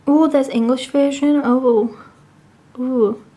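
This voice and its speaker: Higher-pitched woman with a sore, tonsillitis throat. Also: steady tone, slow pace, mellow. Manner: gushing, enthusiastic. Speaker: unboxing video host. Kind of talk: casual excited unboxing commentary.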